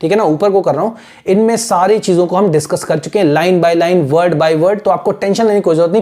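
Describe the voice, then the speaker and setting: A male teacher leads a screen-share lesson with a mellow, warm voice. He is patient and repetitive and often stops to check that the listener is following. He slips English phrases into his explanations and breaks hard words into slow syllables. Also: sits high. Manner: drills pronunciation syllable by syllable.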